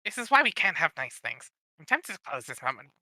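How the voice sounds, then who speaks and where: A man with a very bright, sharp, fairly high voice leads a casual read-aloud. He banters as he narrates, recorded dry and close. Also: big pitch swings, a little fast, no room sound. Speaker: session leader and narrator.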